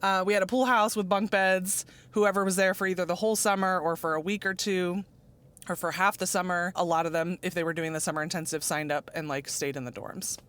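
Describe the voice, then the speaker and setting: A woman's voice: lowish voice, steady tone, fairly quick, a bit bright. A woman in her forties from Arizona, chatting as an interview guest about her dance ministry, upbeat and often laughing. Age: 40s. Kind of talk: casual chat.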